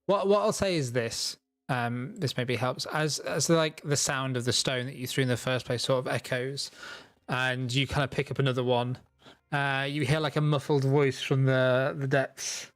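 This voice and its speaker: A man's voice: medium pitch, fairly even intonation, normal speed, a bit bright, no echo, studio quality. A man narrating and ruling as game master in a casual tabletop session, loose and swearing freely. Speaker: dungeon master.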